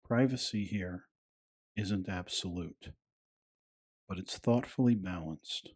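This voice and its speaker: A man narrating a scripted bedtime piece in a hushed, soothing, soft-spoken ASMR style with a breathy voice. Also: deep voice, takes it slowly.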